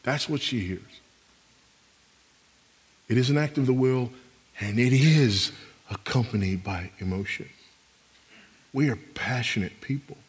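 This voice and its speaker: A man's voice: mid-range voice, a little slow, long pauses, slightly rough, in a large hall. A man preaching a sermon as pastor, emphatic, repeating his key phrases.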